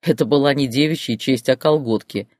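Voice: mid-range voice, brisk, a little mellow, no room sound, natural voice. A male guard tosses in mocking, jeering remarks, as a reader voices him. The sound is close and dry.

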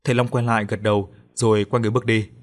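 A man narrating an audiobook story in a steady, even storytelling voice. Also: on the low side, racing. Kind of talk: scripted storytelling.

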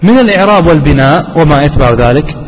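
A man's voice: on the high side, expressive, fast. Man teaching grammar in an echoey hall. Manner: asks the class questions and answers them himself. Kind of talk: grammar lesson. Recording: dull recording with long hall reverb.

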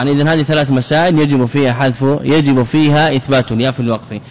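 Guy teaching grammar in a hall, kinda high voice, lots of echo trailing off, repeats stuff and quizzes the class. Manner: explains step by step, repeats key words, asks the class questions.

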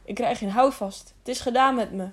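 A woman's voice: fairly high pitch, brisk, fairly bright tone, natural voice. A woman voicing a frightened man who stammers in fear in a storybook reading. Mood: terrified. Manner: stammering, fearful. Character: frightened grown man, clumsy fellow traveler.

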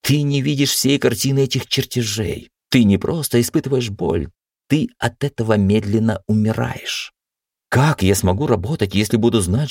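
A man's voice: lowish voice, a little mellow, no room sound, clean studio sound, voice pushed up. A man voicing an anxious, tender young female mage who pleads emotionally in a raised voice. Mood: distressed.

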